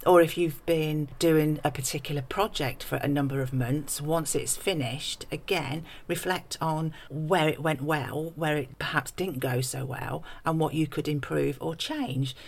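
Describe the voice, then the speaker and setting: A woman co-hosting a podcast in a conversational way, giving encouraging, practical advice like a life coach. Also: sits low.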